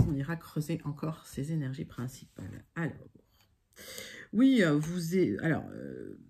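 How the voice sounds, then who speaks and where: A woman's voice: low voice, darkish tone, breathy edge. A woman giving a casual online tarot reading. She talks straight to her viewers as friends, reassuring them, with frequent fillers and self-corrections. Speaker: tarot card reader.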